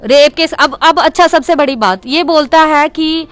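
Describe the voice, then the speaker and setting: A woman's voice: high voice, moderate pace, fairly bright tone. A young woman from Chandigarh giving a heated media interview, speaking in an indignant, insistent way. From Chandigarh, India. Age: young adult. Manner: indignant, insistent, keeps repeating "okay".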